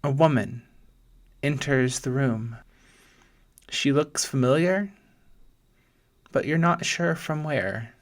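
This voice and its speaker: Speaking very slowly as a pastor guiding a meditation, this man has a medium-pitched voice and a gentle, deliberate delivery. He narrates scripture as an imagined scene, pausing between short phrases.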